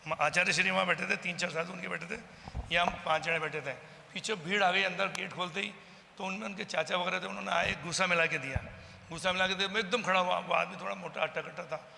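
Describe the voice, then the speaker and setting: A man gives a heated eyewitness account, stepping into the voices of the people he quotes. His voice is high, gravelly and very bright. It carries a long reverb over faint background noise. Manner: agitated storytelling, acting out the quoted exchanges. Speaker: eyewitness from the local community. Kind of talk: personal account to a news camera.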